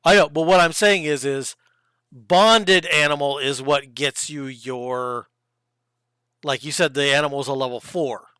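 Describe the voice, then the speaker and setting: Smooth-voiced male game master. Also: a little high, steady tone, unhurried, sharp tone, dry recording, studio quality. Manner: laid-back, laughing, swears casually. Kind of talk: running a tabletop game.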